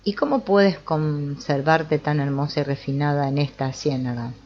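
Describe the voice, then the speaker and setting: A woman's voice: low-pitched, moderate pace, highs cut off, slight background noise, lightly acted. A woman reading the part of an ashamed, troubled man who speaks in a pained, confessional way.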